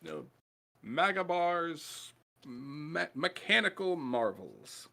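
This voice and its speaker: A man's voice: on the high side, sing-song, very slow, creaky, sharp tone. A man narrating a tabletop game as game master, casual and loose, with fillers and the odd swear.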